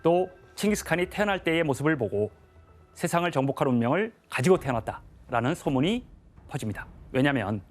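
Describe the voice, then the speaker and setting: Man giving a lively history lecture. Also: a little high, faint music behind. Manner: measured explaining with frequent "예" fillers. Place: TV studio.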